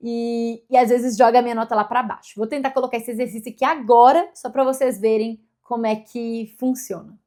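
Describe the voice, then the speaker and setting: Woman vlogger, fairly high pitch, upbeat and chatty, restarts her sentences often. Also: fairly even intonation, brisk, few pauses, warm tone. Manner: chatty, self-correcting, upbeat. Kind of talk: casual vlog talk to camera.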